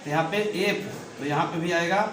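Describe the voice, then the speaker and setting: A man's voice: high voice, moderate pace, fairly bright tone, a little hiss or hum. A man teaching a grammar lesson, asking his class questions and answering them himself. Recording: echoey room, mic at a distance.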